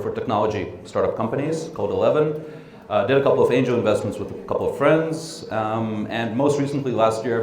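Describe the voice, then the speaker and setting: A middle-aged man giving a training lecture, relaxed, with frequent ums and tag questions. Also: on the low side. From born in Russia, raised in the United States and the Netherlands. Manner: relaxed, frequent ums and uhs, asks "right?" often. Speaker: training speaker. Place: conference room. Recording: echoey room.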